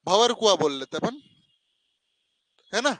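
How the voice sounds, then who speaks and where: Male coaching teacher, strict and scolding, high-pitched and sharp. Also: big pitch swings, measured pace, no echo, low-quality recording. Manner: stern, scolding, calls students 'beta', asks 'hai na?'. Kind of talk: classroom math lesson. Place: classroom with students and online viewers.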